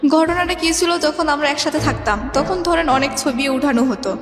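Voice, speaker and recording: A young woman with a high voice and a Bangladeshi accent tells her life story as an interview guest at a moderate pace. Her speech is rambling and colloquial, often recounting what others said. The room is echoey and reverberant, with music playing underneath.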